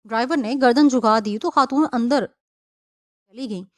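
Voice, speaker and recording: A woman narrates a novel with a steady storytelling delivery. Her voice sits a little high. The recording is dry and close. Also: no echo. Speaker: audiobook narrator.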